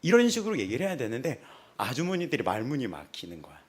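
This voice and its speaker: A male senior pastor preaching a sermon in a lively storytelling manner, laughing often. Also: mid-range voice, fast, breathy edge. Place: church sanctuary.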